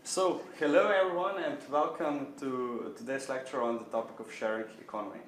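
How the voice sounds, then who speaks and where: A man gives a casual lecture, friendly and halting, with plenty of ums. His voice sits at an ordinary pitch and carries around an echoey room. It is picked up from a distance, with faint noise behind. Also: steady tone. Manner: friendly, hesitant, many ums. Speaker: lecturer, attorney. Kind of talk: informal lecture.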